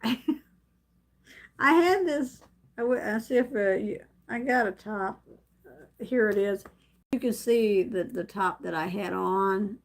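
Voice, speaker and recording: A middle-aged vlogger tells a story on her home live stream, facing a camera. Her mid-range, gravelly voice moves at a slow pace with frequent pauses, and she is rambling and chatty, laughing often and restarting sentences.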